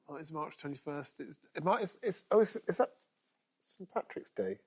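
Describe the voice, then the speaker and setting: A male quiz contestant fumbles through his answers with stammers and self-deprecating jokes. His pitch swings around a lot as he talks. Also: lively intonation, moderate pace, darkish tone, husky. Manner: hesitant, stammering, self-mocking. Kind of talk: game show banter.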